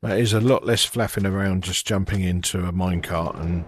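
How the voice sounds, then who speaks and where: A man narrating his own gameplay in a relaxed, casual way, thinking aloud with frequent fillers. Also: low-pitched, fairly quick, a little hiss or hum. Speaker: gaming channel host.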